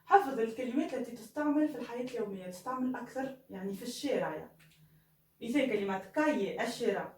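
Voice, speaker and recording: A woman teaching Spanish in an online lesson, saying Spanish phrases slowly and clearly between quicker explanations. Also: fairly high pitch, echoey room, distant mic, rough recording.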